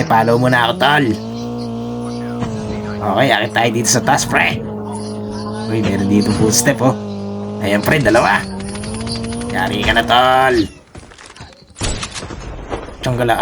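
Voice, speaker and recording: A man with a Filipino accent giving casual, playful commentary while streaming a mobile shooter game, teasing opponents and jumping higher in firefights. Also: background noise. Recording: gunfire sound effects behind.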